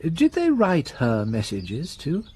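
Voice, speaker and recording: A man's voice: on the high side, wildly swooping pitch, takes it slowly, a little mellow, breathy edge. A man playing a shrewd, courteous police inspector who questions a witness with polite probing in a radio drama.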